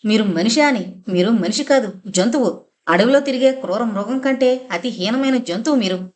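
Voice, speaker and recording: A woman voicing a grieving middle-aged mother who shouts at her husband in scornful, fast bursts. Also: mid-range voice, expressive, natural voice. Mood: furious.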